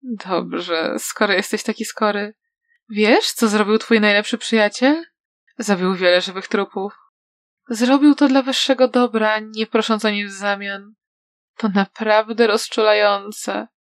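A woman voicing a cruel, sly young villain who taunts in a soft, low voice, in a storybook reading. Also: fairly even intonation, a little slow, no echo, studio quality, close to an everyday voice. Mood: taunting.

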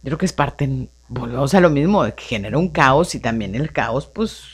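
A very deep, slightly rough female voice at normal speed belongs to a radio host running a live personal-growth show. She coaches with animation, posing rhetorical question after rhetorical question and repeatedly using "entonces" and "no?".

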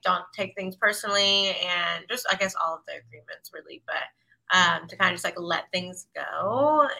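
Bright-voiced woman in casual chat. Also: lowish voice, vocal fry, poor audio. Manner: thoughtful, loose, many "like" fillers.

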